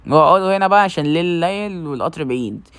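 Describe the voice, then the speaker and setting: A man with an Egyptian Arabic accent giving casual gameplay commentary, excitedly calling out to his teammates and teasing them. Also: fairly high pitch, very fast, clear, resonant tone, dry recording. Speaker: gaming video creator.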